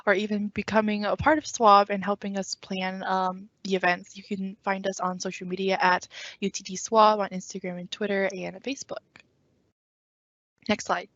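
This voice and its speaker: A woman student organizer giving a casual virtual orientation presentation, trailing off softly and cueing slides. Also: medium pitch, little pitch movement, normal speed, dry recording. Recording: dry, dull lo-fi call audio.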